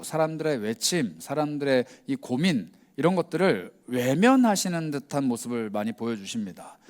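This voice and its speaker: A man's voice: on the high side, a little mellow. A male pastor giving a youth worship sermon in a casual, conversational way, telling the story with energy and acting out the lines he quotes. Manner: casual, conversational preaching with slang.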